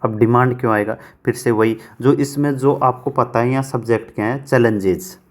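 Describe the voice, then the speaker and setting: Guy teaching grammar, keeps asking then answering his own questions, reads the english lines real slow. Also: mid-range voice. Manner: reads English sentences slowly, word by word. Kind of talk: exam-prep lesson.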